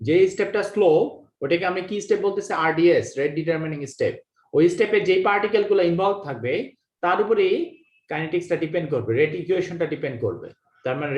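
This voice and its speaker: A man teaching a chemistry class, explaining step by step, asking questions and answering them himself, and reading English lines slowly from the text. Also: high voice, echoey room. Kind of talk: classroom lecture.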